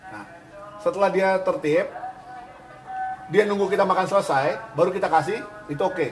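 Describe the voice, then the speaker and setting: A man's voice: high voice, normal speed. A man, a dog behavior trainer, explaining and coaching owners in a firm, casual way, mixing in English commands. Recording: roomy, distant mic, music behind.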